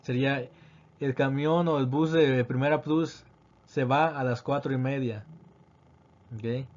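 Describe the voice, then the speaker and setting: A man teaching English grammar, reading example sentences slowly and then translating them. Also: mid-range voice, fairly even intonation, a little mellow, muffled recording. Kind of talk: grammar lesson explaining examples.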